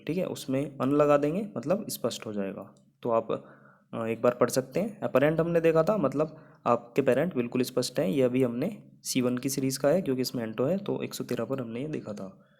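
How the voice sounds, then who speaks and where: A man's voice: mid-range voice, a little mellow. Young man teaching vocabulary, patient tone. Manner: patient, explains word by word with memory tricks. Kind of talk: explaining English words in Hindi.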